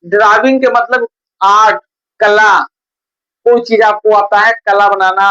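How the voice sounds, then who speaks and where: Here a male tutor speaks a little slowly in a high, pushed, bright voice that is clear and resonant, with fairly even intonation. Teaching reading at a board in a coaching classroom, he stays patient and often repeats "theek hai" and "bhaiya." The recording sounds dull and lo-fi.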